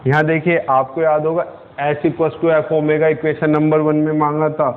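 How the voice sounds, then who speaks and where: A man's voice: on the high side, completely flat delivery, normal speed, a little hiss or hum. A young man teaching physics at a whiteboard, explaining step by step and asking his students questions. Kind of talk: whiteboard lecture. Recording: tinny phone-like lo-fi sound.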